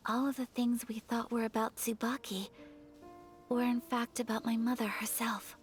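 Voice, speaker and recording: A woman voicing a graceful, polite young noblewoman in a video game, with a soft, breathy, formal way of speaking. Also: fairly high pitch, flat delivery, moderate pace, soft background music, close to an everyday voice. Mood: calm. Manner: formal and courteous. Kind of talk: game voice acting.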